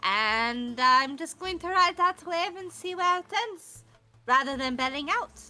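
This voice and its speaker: A weary older woman, voiced by a woman player speaks in character during a tabletop role-play. Her tone is high and bright, and her manner is resigned and musing. She sounds like someone with no goal left. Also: animated, a little slow, soft background music, full character voice. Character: weary older woman drifting without a plan.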